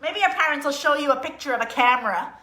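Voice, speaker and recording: Speaking fast in a voice that sits high, a woman hosts a live online story time for young children. As the librarian, she reads and teaches songs in a sing-song, animated manner. The recording has a roomy, echoing quality.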